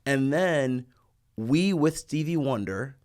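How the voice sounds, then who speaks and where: A man in his thirties, a guest in a casual interview, telling stories in an animated way and acting out what people said. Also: mid-range voice, slow pace. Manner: animated, acts out quoted people.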